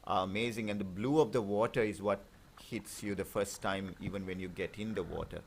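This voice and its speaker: A man's voice: lowish voice, steady tone, a little fast, creaky, slight background noise. A man from Sri Lanka, commenting on underwater footage of a live stream in an explanatory way, with many fillers and restarts. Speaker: marine life commentator.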